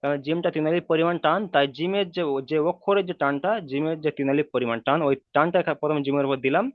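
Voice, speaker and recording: In an online Quran reading lesson, a man whose voice is on the high side speaks at a quick pace with no echo. The video-call sound is tinny and dry as he patiently repeats every rule and lengthens the vowel sounds.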